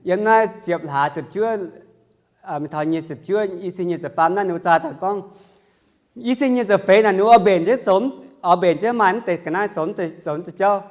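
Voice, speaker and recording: A man preaching a church sermon, halting with many fillers and repeats and mixing in English words. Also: sits high.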